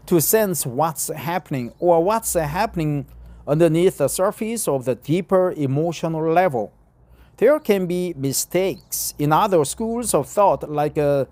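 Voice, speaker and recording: This vlogger, a middle-aged Korean man, works through an English article aloud in his Korean accent, pausing haltingly, repeating phrases, and filling gaps. His voice is fairly high in pitch with a darkish tone.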